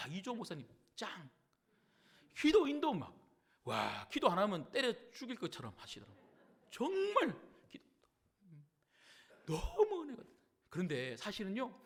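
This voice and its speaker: A middle-aged male pastor preaching a sermon, telling stories in an animated way that moves from hushed asides to loud, impassioned prayer. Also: sits high.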